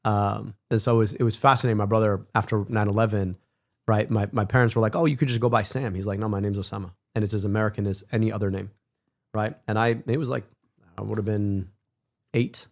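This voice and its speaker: A man in his thirties from Michigan, giving animated casual commentary on a clip and repeating words as he gets going. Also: on the low side, quick pace. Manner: animated, emphatic, repeats words when excited. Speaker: stream co-host reacting to clips.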